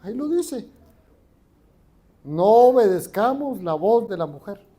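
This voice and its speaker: A man's voice: sits high, big pitch swings, slow pace, dark tone. A Mexican man preaching a sermon as pastor in a church, often asking the congregation questions. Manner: conversational, asks the congregation questions.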